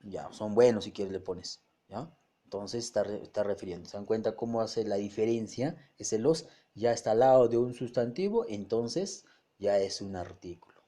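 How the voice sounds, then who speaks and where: A man's voice: on the low side, normal speed, mellow. A male teacher, giving a grammar lesson step by step, often restarting words and checking that students follow.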